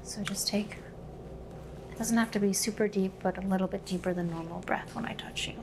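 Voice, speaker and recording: A soft-spoken woman in an ASMR medical exam, acting as examiner and calmly explaining each step with gentle instructions. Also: mid-range voice, a little fast, noisy background.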